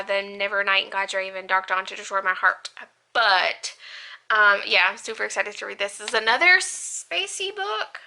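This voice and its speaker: A woman's voice: mid-range voice, vocal fry, sharp tone. A young woman chatting casually in a reading vlog, rambling and gushing, and cursing freely. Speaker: book vlogger.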